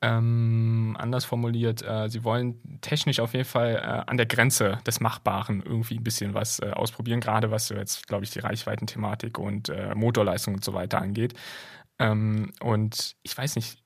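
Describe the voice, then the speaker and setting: A man's voice: lowish voice, little pitch movement, normal speed, creaky, husky. A man co-hosting a casual podcast chat, thinking aloud with hesitant restarts. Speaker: podcast co-host.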